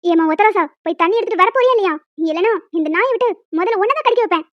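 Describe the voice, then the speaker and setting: Woman doing a loud bossy old cartoon granny, yells names at everyone, squeaky high and fast, kinda dull lo-fi sound. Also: expressive, no echo. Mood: threatening. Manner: shouting insults, bossy. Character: scolding, threatening old village grandmother.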